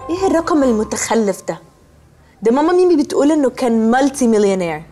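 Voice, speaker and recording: Woman acting as a snooty Egyptian young woman, high-pitched, fast, drops English words, faint music underneath. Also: lively intonation, dark tone, natural voice. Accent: Egyptian Arabic. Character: fussy pretentious young woman sister. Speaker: sitcom character. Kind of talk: sitcom acting.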